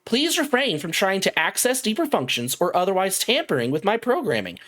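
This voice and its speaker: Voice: medium pitch, sing-song, a little fast, fairly bright tone, voice pushed up. A game master voicing a courteous corporate AI assistant system that reads out formal announcements.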